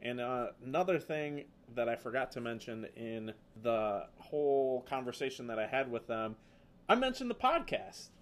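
A man's voice: mid-range voice, big pitch swings, normal speed. Easygoing man with a Wisconsin accent. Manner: easygoing, storytelling with filler words. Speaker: podcast co-host. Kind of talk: casual podcast chat.

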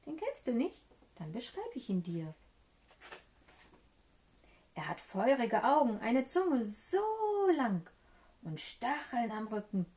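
A woman's voice: a little high, sing-song, takes it slowly, pauses often, darkish tone. A woman voicing a small, clever, boastful mouse in a children's storybook reading. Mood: cheeky.

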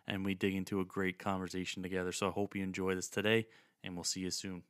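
A man's voice: deep voice, little pitch movement, fast. A man hosting a podcast in a casual, conversational and effusive way. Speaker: podcast host.

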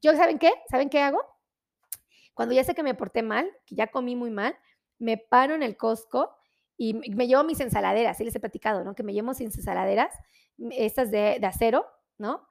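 A woman's voice: fairly high pitch, fairly quick, vocal fry. A woman from Mexico hosting a casual live stream, chatty and exclamatory, greeting viewers by name. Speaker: livestream host greeting viewers.

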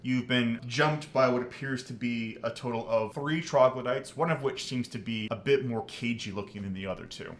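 A man's voice: medium pitch, normal speed, few pauses, reverberant. A man running a tabletop role-playing podcast as game master, narrating with playful jokes.

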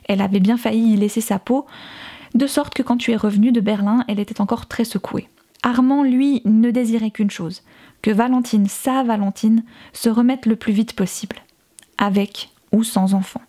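An exasperated young woman, read by a woman narrator presses her rival with pointed, accusing questions in an audiobook. The voice sits a little high and sounds mellow and soft-edged. Her delivery is cutting but never shouted. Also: steady tone, moderate pace, close to an everyday voice. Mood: grave. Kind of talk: audiobook character reading.

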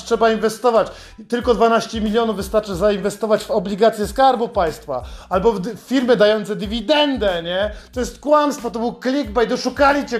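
A man hosting a podcast, delivering a sarcastic, heavily profane satirical monologue. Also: sits high. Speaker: podcast host.

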